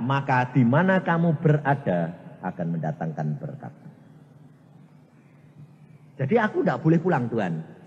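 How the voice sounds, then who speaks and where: A male evangelist with a Javanese-inflected accent, preaching a sermon and acting out voices in his stories. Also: on the low side. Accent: Javanese-inflected Indonesian. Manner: animated storytelling, acts out voices in dialogue. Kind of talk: sermon with anecdotes. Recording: long hall reverb.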